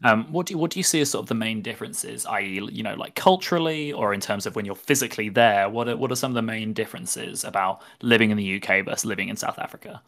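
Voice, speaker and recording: A man hosting an interview, asking questions quickly with frequent restarts. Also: on the low side, vocal fry, fairly bright tone. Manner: fast, stumbling restarts. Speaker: podcast host. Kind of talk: casual interview.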